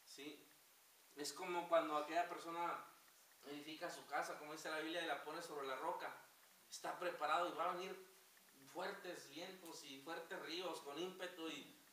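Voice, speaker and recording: A fervent male pastor preaching to his congregation, his high, bright voice carrying through a reverberant church. He is picked up from a distance, with a steady hiss under the sound. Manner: fervent, addresses congregation as brothers. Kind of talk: sermon. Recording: echoey hall from far off, hiss.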